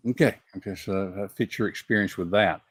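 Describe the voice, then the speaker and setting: A man's voice: deep voice, brisk, husky, dry recording, studio quality. An older man with a Southern accent hosts an interview over a video call and thinks aloud in a conversational way. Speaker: host.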